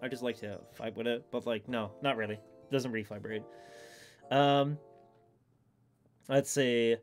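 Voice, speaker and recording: A man's voice: medium pitch, fairly even intonation, measured pace, soft background music. A man live streaming in a casual, rambling, informal chat with his viewers.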